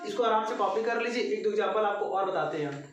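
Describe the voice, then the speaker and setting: A man's voice: sits high, fast talker, a little hiss or hum. A man teaching a physics lesson, explaining step by step and talking straight to his students. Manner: repetitive, step-by-step explaining, addresses students directly. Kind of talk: classroom lecture at a board. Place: classroom at a coaching centre. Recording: very echoey room, mic far off.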